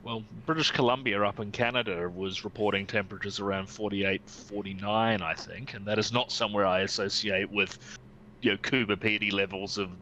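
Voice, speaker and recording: A man chatting wryly on a podcast, quick to apologise. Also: on the low side, fairly even intonation, sharp tone, dull audio, slight background noise. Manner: wry, apologetic. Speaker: podcast co-host. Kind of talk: casual chat.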